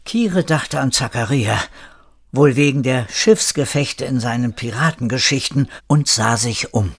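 A man reading a children's story aloud in a calm, measured way. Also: medium pitch, slightly rough. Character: old parrot narrator recalling the past. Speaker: narrator.

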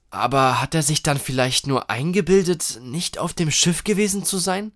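A man's voice: mid-range voice, fairly bright tone, close to an everyday voice. A man playing Luke, a curious grandson in an audio drama, eagerly firing off questions.

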